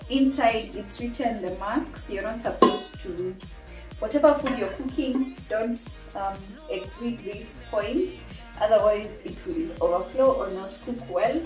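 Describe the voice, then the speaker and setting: A young woman from Tanzania casually reviewing a kitchen appliance at home, chatting and thinking aloud as she shows each part. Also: on the high side. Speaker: cooking vlogger. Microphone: camera mic from a few feet away. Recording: roomy kitchen sound, mic at a distance. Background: background music.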